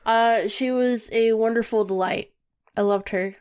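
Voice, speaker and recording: A woman co-hosting a casual podcast chat, telling stories in an animated way. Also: a little high, unhurried, clear, resonant tone. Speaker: podcast co-host.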